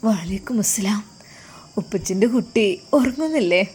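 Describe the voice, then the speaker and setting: A woman voicing a gentle, grieving father who speaks softly to comfort his daughter. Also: on the low side, moderate pace, slightly rough. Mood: hushed. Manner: soft, soothing, hushed. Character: gentle, grieving young father, soft-spoken.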